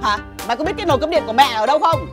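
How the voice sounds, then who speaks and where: A woman playing a hot-tempered village mother who curses a thief in shrill, rhythmic rants. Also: expressive, rapid-fire, over music. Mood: flustered. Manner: shrill, ranting, rhythmic cursing. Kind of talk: comedy sketch acting.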